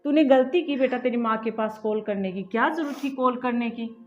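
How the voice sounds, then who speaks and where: A woman's voice: on the high side, normal speed, close to an everyday voice. An actress playing a caring, motherly mother-in-law who soothes and fusses in a family drama. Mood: consoling. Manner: soothing and fussing. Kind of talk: amateur family short-film acting. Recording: dull lo-fi audio, soft music.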